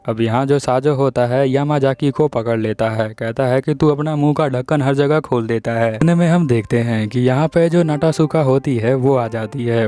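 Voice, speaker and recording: Male narrator with a Hindi accent for a casual anime recap, dark mellow tone, retells the dialogue in his own voice. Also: mid-range voice. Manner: retells dialogue in a plain narrating voice, heavy use of filler "जो है".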